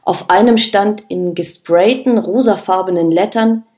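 A woman narrating an audiobook in a steady, measured storytelling manner. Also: mid-range voice. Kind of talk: scripted narration.

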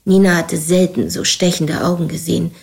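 Woman narrator, audiobook thriller, brisk and dramatic. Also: fairly low pitch, steady tone, vocal fry, darkish tone. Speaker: audiobook reader. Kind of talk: scripted narration.

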